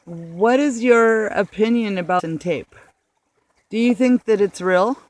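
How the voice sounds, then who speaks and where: A man interviewing someone in a mock documentary, asking questions in a deadpan way. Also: sits high, measured pace.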